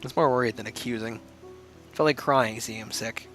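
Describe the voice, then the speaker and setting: Jokey guy reading visual novel text out loud, laughs a lot, bright punchy voice, faint music behind. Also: mid-range voice, normal speed. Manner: jokey, laughs often, reads game text aloud. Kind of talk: casual let's-play chat with read-aloud narration.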